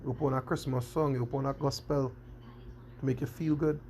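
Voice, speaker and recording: A man's voice: mid-range voice, fairly even intonation, brisk, a little mellow, a little hiss or hum. A man preaching a scripture-quoting sermon, constantly asking "you understand?". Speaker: street preacher.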